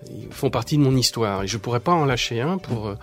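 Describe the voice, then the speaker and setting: A man's voice: medium pitch, lively intonation, fast, faint music behind. A man from Italy talking as a guest in a casual interview, often hesitating and repeating his words. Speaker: guest, writer.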